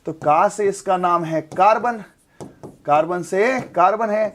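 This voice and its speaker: A man's voice: sits high, a little slow, a bit bright, slight background noise. A man teaching chemistry, repeating his points and asking and answering his own questions. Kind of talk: classroom lecture with call-and-response drills.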